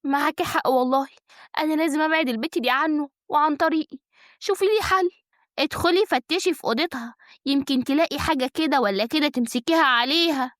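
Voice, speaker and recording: A woman voices a jealous young Egyptian wife, frantic and resentful. Her voice runs high and quick. It is recorded dry and close. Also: fairly bright tone, dry recording. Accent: Egyptian Arabic.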